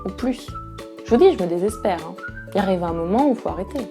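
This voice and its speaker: A woman's voice: medium pitch, animated, fast, vocal fry, mellow, faint music behind. A young woman talking casually to camera about her summer reading list, chatty and playful with many fillers and asides. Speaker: book vlogger. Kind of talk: casual book talk to camera. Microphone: camera mic.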